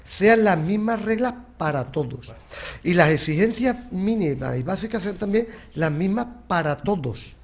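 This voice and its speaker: A man's voice: high-pitched, expressive, measured pace. Firm man arguing in a debate. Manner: firm, interrupting, argumentative. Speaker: radio debate guest. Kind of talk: studio debate, arguing a point.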